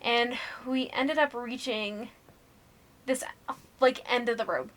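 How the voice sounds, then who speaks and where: A young woman with a fairly high voice spins spooky tales in a loose, chatty way. She laughs easily, swears offhand and lowers her voice to a hush when the story turns creepy. It is a relaxed podcast conversation. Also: slow pace. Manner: chatty, laughs and swears casually, hushes during spooky parts. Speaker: podcast co-host. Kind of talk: casual storytelling chat.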